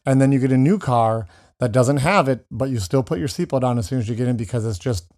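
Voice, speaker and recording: A man's voice: medium pitch, fast, darkish tone. A man co-hosting a podcast, asking skeptical questions in casual chat. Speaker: podcast co-host.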